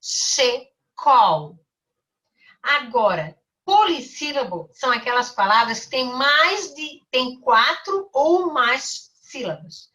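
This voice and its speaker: Primary school teacher, woman, bright and crisp, slow and careful with the children, mic set back. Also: high voice, expressive, far from the mic. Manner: slow, over-articulated for children. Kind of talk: recorded online class.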